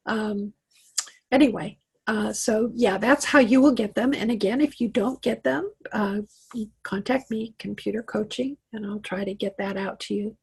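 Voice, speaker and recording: A husky, mid-range female voice with vocal fry, speaking at normal speed, belongs to a middle-aged Wyoming woman coaching a live online tech class. Her accent is Western American with a slight Southern flavor. She reassures her students through a video-call computer mic, often using fillers and starting sentences over.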